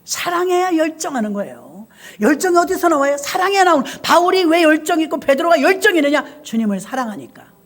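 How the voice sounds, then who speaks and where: Lively woman pastor telling sermon stories. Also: high voice, fast talker, few pauses. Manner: animated storyteller acting out voices. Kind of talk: sermon with storytelling.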